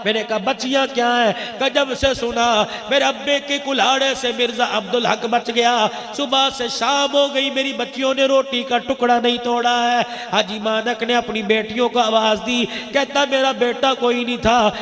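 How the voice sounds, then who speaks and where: A man's voice: extremely high pitch, fairly even intonation, moderate pace, hardly any pauses, a bit bright. A man preaching a sermon, telling a story with an impassioned, chanting cadence. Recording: echoey hall with long reverb.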